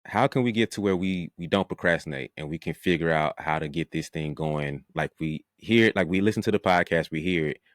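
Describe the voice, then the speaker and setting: A man hosting a podcast, talking in a relaxed, reflective way with casual slang. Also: low voice, a little fast, hardly any pauses, no room sound, studio quality. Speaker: podcast host.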